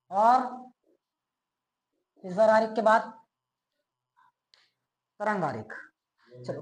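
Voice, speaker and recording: In a bare-sounding classroom with noticeable echo, a man teaching physics lectures in a very high, slightly bright voice. He keeps asking brief check-in questions that he answers on his own and says important terms again slowly.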